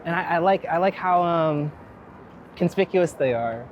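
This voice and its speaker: This interview with a Philadelphia street photographer happens on foot outdoors; his mid-range voice is expressive and a little slow as he chats in a wry, rambling, reflective way. Dull audio carries traffic and the ambience of passing vehicles.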